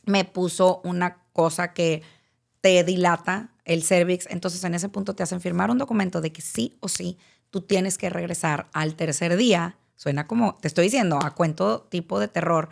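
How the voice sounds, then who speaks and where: A woman's voice: fairly low pitch, normal speed, vocal fry. A woman in her late thirties with a Mexican Spanish accent, giving a candid personal testimony as a podcast guest and speaking straight to the listener with casual swearing. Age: late 30s.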